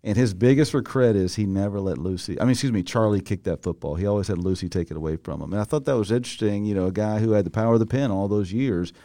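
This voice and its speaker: A man's voice: on the low side, quick pace, hardly any pauses, warm tone, dry recording. A man hosting a conversational interview, who tells anecdotes and often stumbles and repeats his words.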